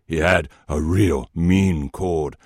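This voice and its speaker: A man's voice: low-pitched, darkish tone, breathy edge, no room sound, clean studio sound, heavily acted. A man playing a proud, droll German microbiologist in a children's audio skit. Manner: deliberate, droll.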